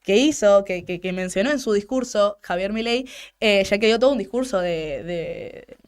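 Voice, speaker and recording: Her medium-pitched voice is clear and resonant, moving at a normal speed, as the young woman hosts her radio talk show. Speaking Argentine Spanish in the studio, she gives outspoken political commentary and often repeats words when she restarts.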